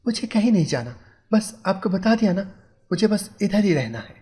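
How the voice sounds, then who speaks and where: Brief: tearful, stubborn young bride, high and pleading, as a male narrator puts her on. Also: moderate pace, dark tone, close to an everyday voice. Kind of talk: storybook character voice.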